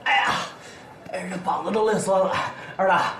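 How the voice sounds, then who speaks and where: An actor playing a fawning, cheeky man of low standing in a period TV drama, groveling one moment and teasing the next. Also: normal speed, a bit bright. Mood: chatty. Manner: groveling with his betters, cheeky and teasing otherwise.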